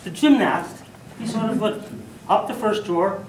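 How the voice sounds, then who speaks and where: Man, speech contest storyteller, animated, fairly high voice, echoey hall, mic from far off. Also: moderate pace, a little hiss or hum. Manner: animated, loud bursts for sound effects. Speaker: contest speaker.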